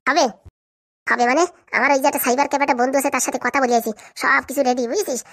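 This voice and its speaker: A woman's voice: high voice, fairly even intonation, very fast, fairly bright tone. A woman voicing a scheming older sister in a cartoon who coaxes and plots. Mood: conspiratorial. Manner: coaxing, conspiratorial. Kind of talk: cartoon voice acting.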